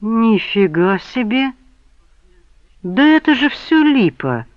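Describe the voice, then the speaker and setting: A man's voice: very high-pitched, big pitch swings, measured pace, no room sound, dull audio, voice pushed up, full character voice. A male audiobook reader voicing an agitated, suspicious young man who bursts out indignantly. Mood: furious. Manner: shouting, indignant outbursts.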